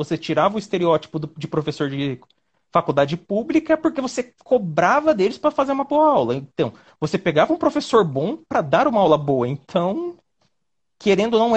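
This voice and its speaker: A man from Brazil, a lawyer guest, chatting casually over a video call in an animated, rambling way with quick asides. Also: sits high, lo-fi sound.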